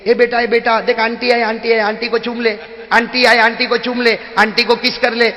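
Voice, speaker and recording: A man's voice: extremely high pitch, level tone, bright, forceful tone, long reverb tail, pitched below the performer's own voice. A preacher voicing a mother who repeatedly coaxes her small son. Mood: coaxing. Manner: coaxing, repetitive urging.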